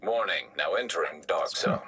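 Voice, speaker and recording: An actor voicing a calm synthetic male AI system in a video game, giving flat, clipped status announcements through a robotic processed filter. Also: sits low, normal speed, slight background noise. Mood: clipped, alerting.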